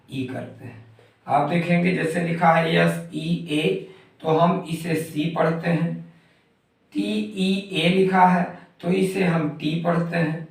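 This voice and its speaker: This explanatory English pronunciation lesson comes from a man whose voice is fairly high and creaky. He methodically spells out the letters of each word before saying it, and the recording is distant and very echoey.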